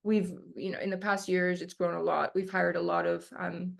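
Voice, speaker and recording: A woman's voice: lowish voice, flat delivery, normal speed, vocal fry. A woman in her twenties from Argentina, a resident talking casually in an interview with lots of fillers. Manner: conversational, many fillers. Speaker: dermatology resident guest.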